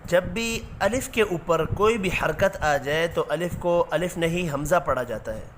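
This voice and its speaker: A man with a Pakistani Urdu accent teaching a Quran reading lesson, drilling letter sounds slowly and patiently, one syllable at a time. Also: fairly high pitch, slight background noise. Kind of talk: slow syllable-by-syllable recitation lesson.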